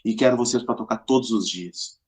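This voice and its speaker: This middle-aged man from Rio Grande do Sul has a southern Brazilian accent and a fairly low, slightly mellow voice. Appearing as a podcast guest, he tells anecdotes briskly and colloquially, acting out the dialogue he quotes.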